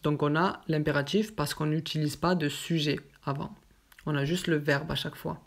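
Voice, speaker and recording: A woman's voice: low voice, fairly even intonation, moderate pace. A woman teaching a grammar lesson patiently and methodically, often linking her points with filler words. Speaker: French teacher. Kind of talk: slow explanatory grammar lesson.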